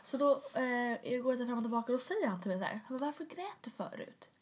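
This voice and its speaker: A woman co-hosting a casual podcast, telling a story with lively energy and acting out what other people said. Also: fairly high pitch. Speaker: podcast co-host. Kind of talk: casual chat.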